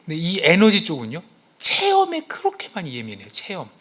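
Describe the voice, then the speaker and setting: In a church sanctuary, a high-pitched male pastor preaches fairly quickly to his congregation. He's animated, acting out quotes and exclamations and asking the listeners questions.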